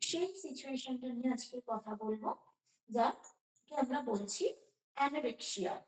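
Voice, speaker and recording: A woman's voice: high-pitched, moderate pace, recorded from a distance. A woman teaching an online class, explaining step by step and putting questions to her students, her voice carrying a heavy echo over the call. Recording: echoey online class audio.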